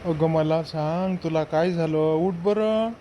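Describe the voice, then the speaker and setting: A man with a Varhadi Marathi accent playing a kindly older father-in-law who soothes and gently lectures in a village comedy skit. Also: on the high side, slow pace, muffled recording, slight background noise. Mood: concerned.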